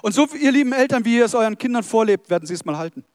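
A man's voice: very high voice, animated, rapid-fire, dry recording, a faint crowd. A pastor preaching a sermon, talking to his congregation in a conversational way with light humour.

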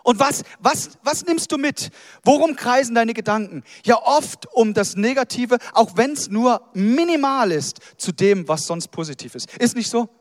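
High-voiced man preaching in a hall. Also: a little slow, clean studio sound. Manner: animated preaching with acted-out inner voices. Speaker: pastor. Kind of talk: sermon.

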